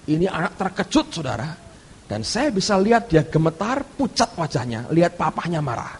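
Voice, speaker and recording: Male pastor, high lively voice, husky edge, storytelling sermon in an echoey hall. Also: moderate pace. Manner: animated storytelling, keeps addressing the congregation as "saudaraku".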